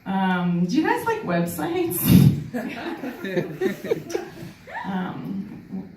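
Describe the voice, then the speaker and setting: A woman from New York City doing a stand-up comedy set in a small club. She talks in a lively way and laughs at her own jokes. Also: mid-range voice, very slow, over a noisy crowd. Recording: echoey club room, mic at a distance. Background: audience laughter.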